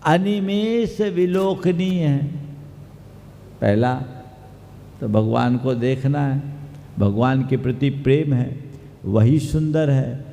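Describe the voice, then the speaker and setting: A man, a Jain monk, preaching a sermon in a measured, emphatic way, quoting scripture. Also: medium pitch, expressive, gravelly, dark tone. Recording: long hall reverb.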